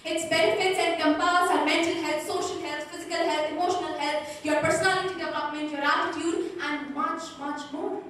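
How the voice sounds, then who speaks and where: A teenage girl giving a rehearsed competition speech with precise, deliberate diction and emphatic pauses, recorded in an echoing hall. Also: very high-pitched, fairly even intonation, a bit bright. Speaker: school declamation contestant. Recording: echoey hall, distant mic, faint noise.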